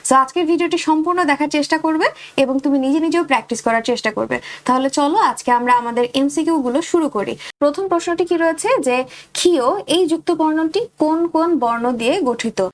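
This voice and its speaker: A woman tutor with a Bangladeshi Bengali accent running a quick exam revision, reading each question and giving the answer straight to her students. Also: sits high. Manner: rapid question-and-answer drilling, addresses students directly.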